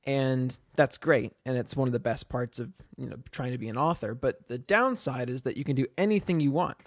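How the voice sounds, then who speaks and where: A man's voice: mid-range voice, fairly quick, dry recording, studio quality. A young man co-hosting a writing podcast, talking casually with a self-deprecating, rambling manner. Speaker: podcast co-host.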